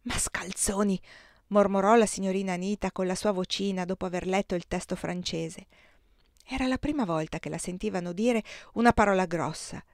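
Female audiobook reader, measured and expressive, mid-pitched, dry close sound. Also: dry recording. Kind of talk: literary audiobook reading.

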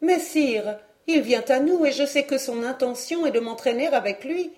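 A fair young damsel of old romance, her voice lifted high and pleading, as a woman reader puts her on. She sounds worried and eager to be heard. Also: expressive, normal speed, a little mellow. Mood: anxious.

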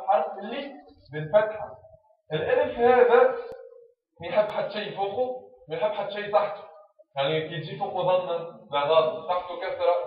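Male instructor, step-by-step teacher-pupil demos, distant, dull and echoey recording. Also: high-pitched. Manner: explains step by step, acts out teacher and pupil exchanges. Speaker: teacher trainer. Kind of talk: instructional talk on teaching reading.

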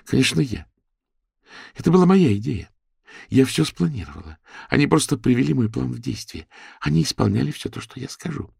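A man's voice: mid-range voice, animated, a little fast, vocal fry, a little mellow, husky, dry recording, studio quality, voice pushed up, full character voice. A man voicing a bitter, paranoid young single mother who speaks in a venomous, accusing way.

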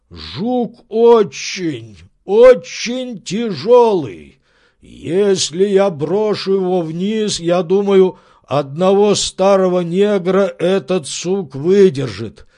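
A man reading an audiobook, voicing a sly old male servant who drawls loudly from far up. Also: sits high, sing-song, voice pushed up, exaggerated voice. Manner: slow drawl, calls out from afar.

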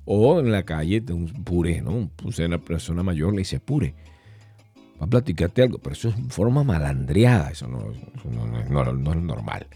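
Venezuelan guy hosting his podcast, low husky voice that swings up and down a lot, faint guitar music behind. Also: very animated, normal speed, few pauses, dark tone. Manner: playful, jumps between topics, acts out quoted slang voices. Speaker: podcast host. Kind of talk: casual monologue podcast.

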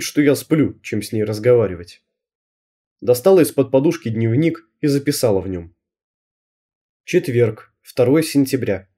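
A man narrating an audiobook in a lively storytelling manner. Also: medium pitch, breathy edge. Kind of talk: scripted narration.

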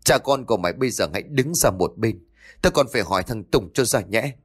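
A man's voice: on the low side, lively intonation, brisk, slightly rough. A man voicing a stern, furious older male clan head who scolds harshly and wails in grief, in a spoken ghost story. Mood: growling.

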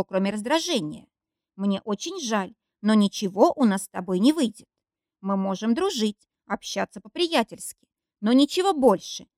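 A woman's voice: mid-range voice, darkish tone, no echo, clean studio sound, close to an everyday voice. Woman reading as a stern tired young man. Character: weary, firm young man, fed up. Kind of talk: audiobook character reading.

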